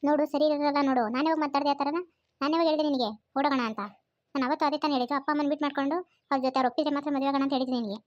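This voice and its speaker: Woman voicing Rani, a fast-talking college girl. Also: sits high, fairly even intonation, dry recording, muffled recording, close to an everyday voice. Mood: defensive. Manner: rapid pleading and scolding. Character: young woman college student, anxious and scolding.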